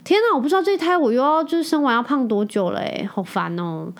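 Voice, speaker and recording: A woman in her thirties hosting a podcast, talking casually and telling a family story in an animated way, acting out the people she quotes. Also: high voice, quick pace. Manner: chatty, animated storytelling with playful quoted voices. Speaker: podcast host. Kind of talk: casual solo chat.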